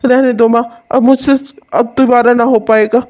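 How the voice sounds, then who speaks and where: A woman's voice: fairly high pitch, little pitch movement, normal speed, natural voice. A woman voicing a weary young father in a cartoon who pleads and then gives up on marriage. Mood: resigned. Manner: pleading, resigned. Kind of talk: cartoon voice acting. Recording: dull lo-fi sound.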